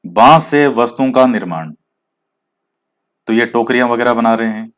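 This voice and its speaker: A male teacher delivers an exam-prep lecture in Hindi sprinkled with English words, his pitch steady and in the middle range. He explains a point, turns it into a question, and answers it himself, openly acknowledging his rustic-sounding pronunciation.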